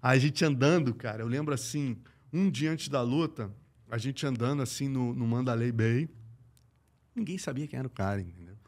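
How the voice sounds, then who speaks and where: A middle-aged Brazilian man with an accent from home, spinning a story as a podcast guest. His speech is slangy and salted with curses, and it jumps from loud bursts to near-whispers. His pitch sits in the ordinary middle for a man. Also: normal speed. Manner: slangy, profane, swings between loud and hushed, acts out quotes. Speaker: podcast guest, combat sports journalist. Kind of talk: animated anecdote telling.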